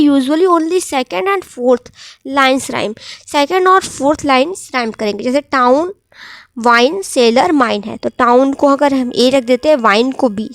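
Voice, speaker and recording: A woman with a high voice gives an exam-prep literature lecture. She keeps asking questions and answering them herself, and slows right down for quoted verse. The sound is dry and close. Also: dry recording. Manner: reads English verse slowly, then explains it. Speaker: literature teacher.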